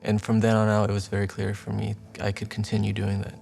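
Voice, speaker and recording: A man's voice: on the low side, monotone, fast, gravelly, a little mellow, soft background music. A man in his twenties from Texas, a Navy veteran, speaking earnestly in a documentary interview with small restarts. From Texas, United States.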